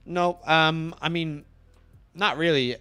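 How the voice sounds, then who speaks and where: A man's voice: fairly high pitch, fairly even intonation, slow, pushed and bright, smooth, no echo, faint music behind. A man in his twenties chatting casually on a livestream as co-host, thinking aloud and counting out his math. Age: 20s.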